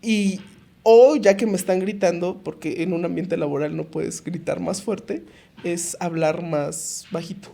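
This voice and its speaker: A young adult woman with a Mexican accent, co-hosting a podcast and giving calm, practical advice in casual chat. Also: on the low side, a little slow, creaky. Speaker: podcast co-host.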